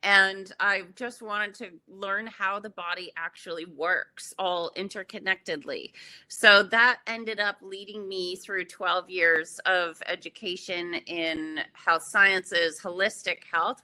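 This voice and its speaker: A woman's voice: on the low side, pushed and bright, low-quality recording. A woman guest on a podcast, a health practitioner, telling her story fluently and earnestly with light laughs. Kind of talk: casual interview chat.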